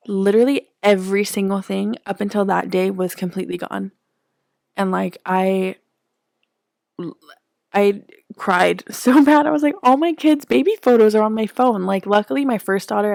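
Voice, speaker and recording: A young woman co-hosting a podcast in casual chat, talkative, full of "like" and quick laughs. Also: medium pitch, vocal fry, a little mellow, no room sound, studio quality. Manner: chatty, fillers like "like", laughs often. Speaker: podcast co-host.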